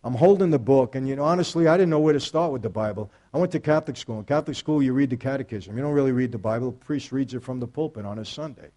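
A man giving a faith testimony, storytelling emphatically and speaking straight to his audience, swinging between hushed and loud. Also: medium pitch, fast talker, few pauses. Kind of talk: personal testimony talk.

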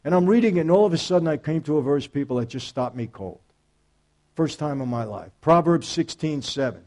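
A man giving a faith testimony, storytelling emphatically and speaking straight to his audience, swinging between hushed and loud. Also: a little high, fast. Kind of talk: personal testimony talk.

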